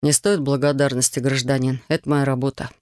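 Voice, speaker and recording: A man's voice: medium pitch, flat delivery, a little fast, a little mellow, smooth, dry recording, clean studio sound, lightly acted. A man voicing a chilled young male painter who speaks in a formal, reassuring official tone in an audiobook. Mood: modest. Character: young male painter, cold, dutiful, polite.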